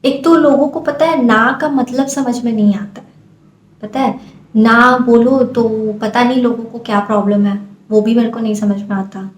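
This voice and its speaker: A woman's voice: fairly high pitch, fairly even intonation, moderate pace. Impassioned young Indian woman, echoey room. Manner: earnest, emotional, pleading. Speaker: vlogger. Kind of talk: impassioned talk to camera.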